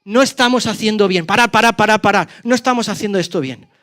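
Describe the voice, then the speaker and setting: A preacher putting on high excited starving lepers. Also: male voice, fast. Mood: urgent. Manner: high, exclaiming, urgent. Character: excited ragged leper men, starving beggars.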